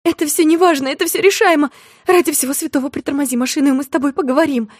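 A frightened young woman begs again and again in a high, shrill, tearful voice that climbs sharply, voiced by a woman reader. The sound is dry and close. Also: fairly even intonation, racing, no room sound, lightly acted. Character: frightened young woman begging a driver to stop.

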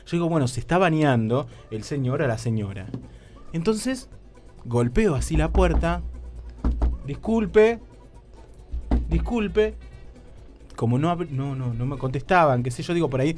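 Animated Rioplatense man telling a story. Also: medium pitch, fairly quick, faint music behind. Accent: Rioplatense Spanish. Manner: animated, acts out his own lines, crude slang. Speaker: radio comedy host telling a story. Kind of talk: comic storytelling on radio.

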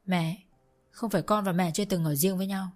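A woman's voice: fairly low pitch, fairly even intonation, fairly quick, a little mellow, soft background music, natural voice. A woman voicing a young daughter-in-law who stammers and pleads to defend herself. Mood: pleading.

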